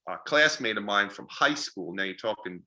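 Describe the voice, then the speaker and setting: Bright, animated middle-aged man telling stories. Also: lowish voice, normal speed. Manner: animated, self-deprecating, acts out quoted dialogue. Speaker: filmmaker and festival organizer. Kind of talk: casual interview storytelling.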